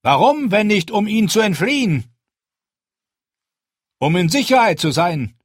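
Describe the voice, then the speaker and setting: In a dry, close audiobook reading, a man plays a stern young commander of a wall who rallies a crowd with forceful resolve. The voice rides high and loud with wide swings in pitch and a slightly husky grain. Each phrase lands with deliberate weight. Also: sing-song, no room sound, heavily acted. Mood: rallying. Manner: forceful, rallying speech. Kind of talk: audiobook character voice.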